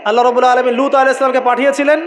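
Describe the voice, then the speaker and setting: A Bangladeshi man delivers a waz sermon to an audience in a very high-pitched, level voice at very fast speed. He preaches emphatically on Islam, repeating key phrases and posing rhetorical questions, with music in the background.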